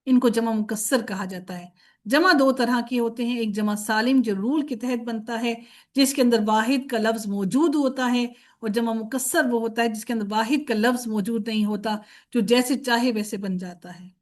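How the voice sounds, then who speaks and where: In a recorded lecture, a woman with a fairly high pitch teaches Arabic grammar. She patiently chants word forms in drills, poses questions she answers herself, and mixes in English words.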